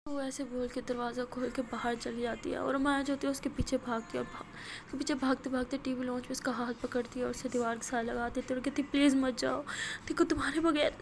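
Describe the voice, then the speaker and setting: A woman's voice: high-pitched, level tone, creaky, a little hiss or hum. A woman narrating a romance story in a casual spoken way, flowing along with small fillers. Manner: plain, flowing retelling with hesitant fillers.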